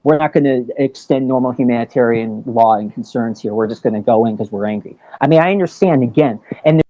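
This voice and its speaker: A man's voice: mid-range voice, fairly quick, no room sound. A man from the United States making an earnest, argumentative point in an online panel debate over a video call connection that keeps breaking up. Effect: connection breaking up, voice cutting in and out. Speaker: panel discussion guest. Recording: dull lo-fi video call audio.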